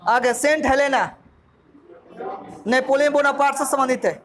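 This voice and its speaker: In a crowded, noisy classroom in Bihar, India, a male coaching teacher with a Bihari accent jokes his way through a quiz revision, questioning the students present. His pitch is extremely high and a little bright, his intonation fairly even, and he speaks at a normal speed.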